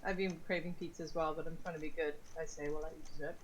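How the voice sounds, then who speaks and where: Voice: medium pitch, steady tone, rapid-fire. Easygoing voice on a group call, faint hiss. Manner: easygoing, agreeable, chiming in. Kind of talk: casual group voice chat.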